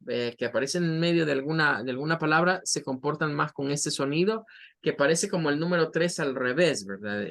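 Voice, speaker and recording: A man's voice: a little high, fairly bright tone. A male teacher giving an online class, patiently explaining English vowel sounds and repeating example words to model them.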